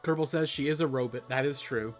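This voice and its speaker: A man commentates casually on a game he is playing. His voice sits at a middle pitch, with light music playing behind it. Now and then he reads the on-screen text aloud. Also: brisk. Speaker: game streamer.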